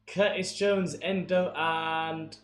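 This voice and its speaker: A young man giving casual, excitable football commentary on a livestream, chatting with his viewers between plays. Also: on the high side, takes it slowly. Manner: casual, excitable play-by-play, talks to chat. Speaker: streamer commentating a football watchalong. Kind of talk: live match commentary and chat with viewers. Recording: echoey room with faint background noise.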